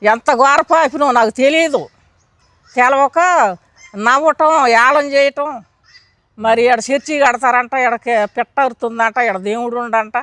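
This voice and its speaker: An older woman tells her testimony in a high voice. She pleads and speaks earnestly. The recording is close and dry, with no room echo. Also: a little slow, fairly bright tone. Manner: earnest, pleading, acts out her own past prayers. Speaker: interviewee giving testimony. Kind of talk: emotional testimony.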